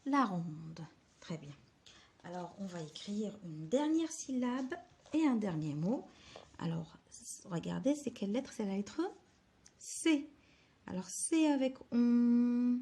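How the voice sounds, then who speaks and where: A woman's voice: medium pitch, lively intonation, takes it slowly, warm tone, slight background noise. A woman teaching children handwriting, spelling out letters and syllables one by one and often dropping to a whisper.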